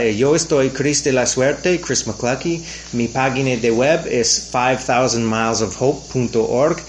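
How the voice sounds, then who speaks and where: Canadian man interviewing in halting, second-language phrasing. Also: medium pitch, slight background noise. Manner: frequent "ujú" backchannels, halting non-native phrasing. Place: outdoors at a ranch.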